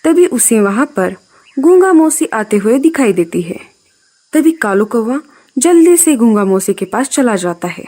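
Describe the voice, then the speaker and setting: A woman narrating a scripted cartoon story in an expressive storytelling manner. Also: on the high side, a little slow.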